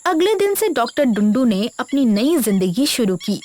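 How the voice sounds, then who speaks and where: Woman narrating a storybook, fairly high voice. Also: big pitch swings, moderate pace, mellow. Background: background music.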